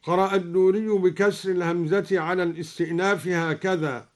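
A man explaining Quran readings on the radio in a measured way, chanting each example between his explanations. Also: sits high, fairly even intonation. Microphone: broadcast studio microphone.

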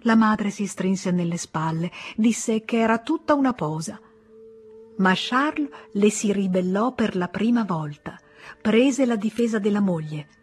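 Brief: female audiobook narrator, mid pitch, measured, expressive, faint music under the reading. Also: slightly rough. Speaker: audiobook reader.

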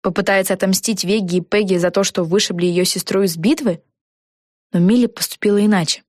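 A woman narrating a children's storybook in an even, clear manner. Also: mid-range voice, a little fast, no room sound, clean studio sound.

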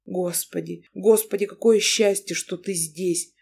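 A woman's voice: on the low side, steady tone, moderate pace, darkish tone, lightly acted. Brief: anxious, pleading young husband in a woman reader's own voice; audiobook reading. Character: frightened remorseful young husband.

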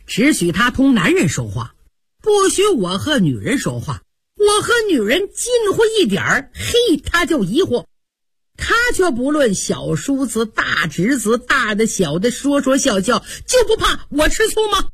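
A fickle young nobleman blusters and threatens, as a woman storyteller puts him on, the voice lurching through a wide pitch range. It stays husky and breathy, close to the mic with a dry sound. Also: wildly swooping pitch, moderate pace, dry recording, full character voice. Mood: blustering. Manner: blustering, wheedling then bullying.

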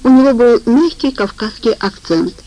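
Woman calmly reading an audiobook. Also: a little high, normal speed, rough recording. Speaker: audiobook reader. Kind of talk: scripted narration.

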